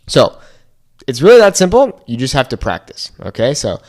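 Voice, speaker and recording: Male online language teacher, mid-pitched and highly animated, casual, encouraging, clear step-by-step delivery. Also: moderate pace, noisy background. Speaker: Spanish teacher and video host. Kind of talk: casual instructional talk to viewers.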